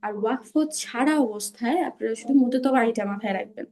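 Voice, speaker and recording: Woman recitation teacher, patient, keeps checking understanding, mellow, pitched a bit high, video call. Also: fast talker. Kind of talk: online class explanation.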